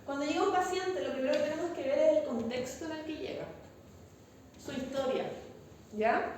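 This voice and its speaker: A woman's voice: high voice, normal speed, darkish tone. A woman with a Chilean accent teaching a class, talking casually and checking often that her students follow. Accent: Chilean Spanish. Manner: conversational, checks understanding with frequent tag questions. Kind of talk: classroom lecture. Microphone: far from the mic. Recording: very echoey classroom, far-off mic, some noise.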